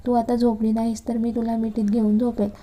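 A woman's voice: on the high side, little pitch movement, brisk, warm tone, lightly acted. A woman voicing an angry, domineering young husband in a read-aloud story, with harsh, threatening commands. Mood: stern.

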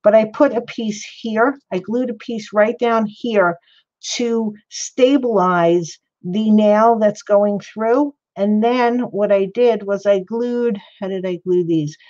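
Woman crafter, unhurried talk, rambling chat with viewers, slightly muffled stream audio. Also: medium pitch, darkish tone. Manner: chatty, rambling, talks to viewers in chat by name. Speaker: miniature crafter livestreaming. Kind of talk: casual livestream chat while crafting.

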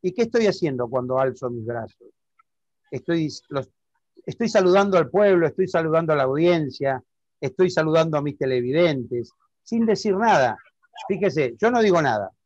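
Argentine man, public speaking teacher, higher voice, dry close sound, lo-fi. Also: expressive, normal speed, a little mellow, no echo. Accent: Argentine Spanish. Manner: explanatory, keeps checking understanding with questions. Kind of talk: online lesson.

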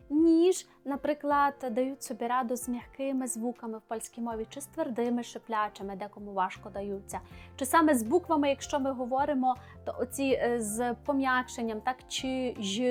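A woman teaching Polish pronunciation, explaining patiently and clearly, demonstrating sounds slowly and repeating them. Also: a little high.

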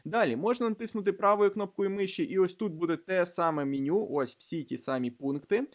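A man's voice: high voice, brisk. A man teaching a screen-recorded programming tutorial, explaining step by step with hesitant fillers and restarts. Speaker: programming instructor.

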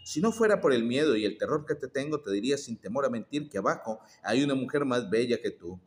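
A man's voice: medium pitch, expressive, fast talker, big-room sound, close to an everyday voice. Brief: timid deferential servant girl in a storybook, read by a man.

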